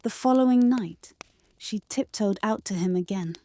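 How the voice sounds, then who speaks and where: A woman reading a fairy tale as a bedtime story in a soft, breathy, gentle voice. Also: mid-range voice, moderate pace. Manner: gentle, soothing.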